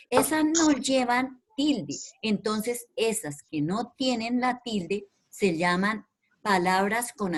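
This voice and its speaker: A woman teaching an online class over a computer call. She talks slowly and patiently, repeats each point, and fills the pauses with "eh". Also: medium pitch. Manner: slow, repetitive, with many fillers. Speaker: primary school teacher.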